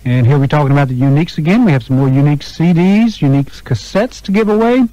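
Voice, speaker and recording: Talking quickly into a close broadcast microphone, a man with a higher-than-average, mellow voice hosts an oldies radio show. As DJ and interviewer, he keeps the announcer patter upbeat, chatty, and casual. The dry recording is dull, lo-fi aircheck tape.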